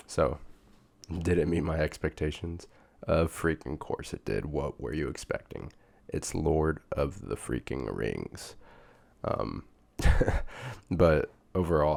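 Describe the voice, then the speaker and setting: This young man's voice is rumbling, low, gravelly and darkish, a bit off as he gets over an illness. He's a booktube reviewer chatting loosely about a book, full of slang and filler words.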